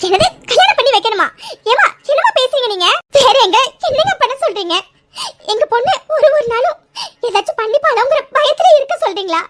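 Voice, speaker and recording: A woman's voice: very high voice, very animated, a little fast, fairly bright tone, faint music behind, full character voice. A woman voicing a tearful mother who pleads and stammers as she begs another family to accept her daughter's marriage. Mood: pleading.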